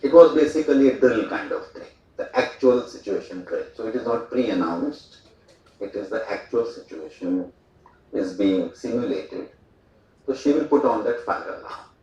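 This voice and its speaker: Man, from India, low-pitched, conversational public speech, dull distant sound. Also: lively intonation, moderate pace, dark tone. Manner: conversational, with frequent fillers and asides. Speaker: speaker at a port day event. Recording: echoey hall, voice from far off, dull sound.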